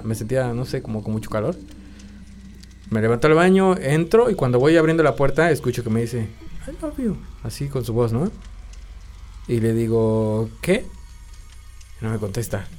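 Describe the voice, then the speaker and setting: A man's voice: medium pitch, darkish tone. A man with a Mexican accent, hosting a podcast and telling a story in slangy casual chat. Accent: Mexican Spanish. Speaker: podcast host. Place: home studio.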